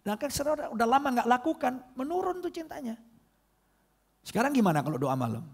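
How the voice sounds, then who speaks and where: A middle-aged male pastor, preaching a lively sermon that swings between comic mimicry and soft, prayerful moments. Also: very high voice, fairly quick, breathy edge.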